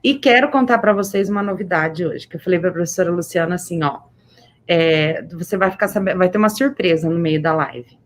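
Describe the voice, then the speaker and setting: A woman's voice: lowish voice, brisk, slight background noise. A woman with a Brazilian accent speaks through a face mask, addressing teachers informally on a livestream as an education official, effusive and emphatic, repeating words for stress.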